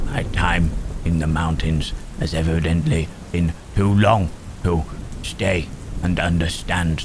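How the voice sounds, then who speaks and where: For an ASMR roleplay drama, a man with a deep voice plays Frankenstein's monster, a gentle, brooding, long-lived creature, speaking in halting, deliberate, musing phrases with questioning murmurs. His mood is reflective and wistful. Steady rain and thunder sound effects fill the background, along with some noise.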